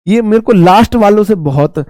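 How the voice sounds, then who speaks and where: A man's voice: high-pitched, expressive, normal speed, mellow, no room sound. Man, grammar teacher, playful, dry close mic. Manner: chatty, teasing, mixes Hindi and English, reads chat questions aloud. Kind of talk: live online class.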